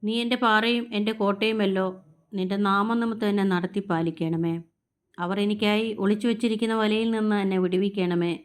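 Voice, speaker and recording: Woman reading psalms aloud, steady. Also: mid-range voice, clear, resonant tone. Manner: measured, even recitation of psalms. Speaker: scripture reader.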